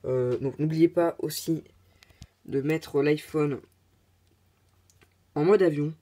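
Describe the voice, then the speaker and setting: A man with a mellow, relaxed voice on the high side narrates a casual step-by-step tech tutorial. He speaks haltingly and hesitantly, with many filler sounds and chatty offhand asides.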